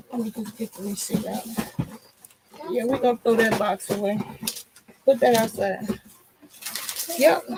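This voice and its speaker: Over background noise, a female vlogger chats frankly and loosely to her live viewers, wandering from topic to topic. Her slightly high voice has a hoarse, nasal quality with a gravelly edge.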